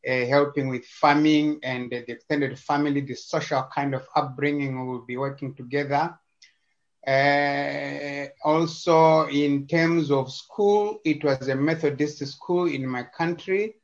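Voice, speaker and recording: A man's voice: a little high, fairly even intonation, measured pace. A man from Zimbabwe, a guest on a video call, talking in a casual, hesitant way with many repetitions and fillers. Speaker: interview guest. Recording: slightly dull video-call audio.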